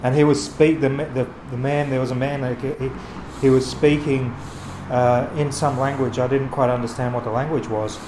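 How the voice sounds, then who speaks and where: A man, a street photographer, telling a story to camera in a halting, rambling way, full of restarts and fillers. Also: mid-range voice, little pitch movement. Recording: street noise and traffic behind.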